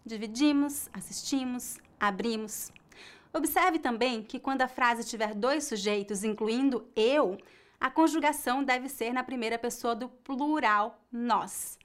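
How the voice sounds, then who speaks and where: A woman with a Brazilian accent giving a scripted language lesson, explaining slowly and clearly for learners. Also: fairly high pitch. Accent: Brazilian Portuguese. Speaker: Portuguese teacher.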